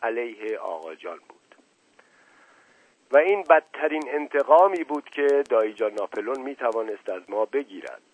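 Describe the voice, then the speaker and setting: A man narrating a novel aloud in a measured storytelling manner, dropping quietly into asides. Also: mid-range voice, sing-song, no room sound. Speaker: audiobook narrator. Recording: narrow phone-like sound.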